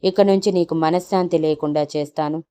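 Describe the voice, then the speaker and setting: A woman's voice: sits low, fairly even intonation, fairly quick, mellow, smooth, natural voice. A woman voicing a distraught young woman who speaks in a tearful, accusing way in a storybook audio drama.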